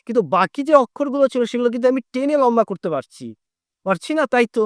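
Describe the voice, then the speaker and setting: A man teaching a lesson to students, asking them questions and stretching syllables out slowly to show how they sound. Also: extremely high pitch, expressive, no echo, studio quality. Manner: asks questions and drags out syllables to demonstrate.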